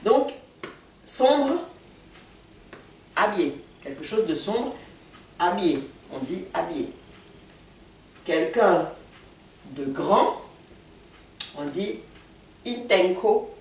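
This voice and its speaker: A woman's voice: lowish voice, animated, very slow, pauses often, darkish tone. A woman teaching vocabulary in a patient lesson, repeating each word carefully for learners. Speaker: language teacher. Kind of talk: slow, deliberate language lesson. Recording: echoey room, far from mic, faint noise.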